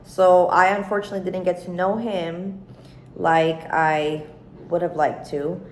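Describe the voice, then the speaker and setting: A woman's voice: fairly low pitch, steady tone, unhurried, roomy sound, slight background noise, low-quality recording. A woman in her thirties chatting casually as she cooks in a home kitchen, swearing freely and talking candidly. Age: 30s. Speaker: cooking vlogger. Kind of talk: casual cooking chat.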